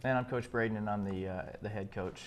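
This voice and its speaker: A man's voice: lowish voice, fairly even intonation, fairly quick, lo-fi sound, slight background noise. A man speaking as a head coach at a press conference, answering in an easygoing, conversational way.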